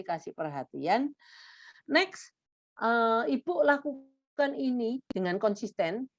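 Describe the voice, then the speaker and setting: A woman's voice: mid-range voice, no room sound. Woman, child therapist, patient advice to parents, kinda muffled lo-fi sound. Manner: patient, explanatory, addresses parents directly. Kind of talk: conversational advice talk.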